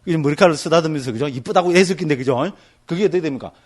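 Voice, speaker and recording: A male Buddhist monk gives a lively doctrine lecture in a slightly high, racing voice. He checks in with his listeners after almost every phrase, tagging nearly each one with a question, and gives graphic examples full of sound words.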